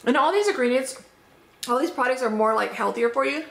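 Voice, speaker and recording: A woman chatting upbeat and thinking aloud as she unboxes and tastes snacks, her voice slightly hoarse. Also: high voice, lively intonation, fairly quick, a bit bright. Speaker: unboxing vlogger. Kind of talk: casual product tasting review. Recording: roomy echo, faint background noise.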